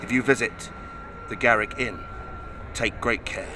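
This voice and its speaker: Clear street noise and vehicles sit behind a man with a medium-pitched voice. He performs as a ghost tour guide, narrating in a measured, theatrical style. His phrases are deliberate and broken by dramatic pauses. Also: fairly even intonation. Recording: clear outdoor street noise, passing traffic.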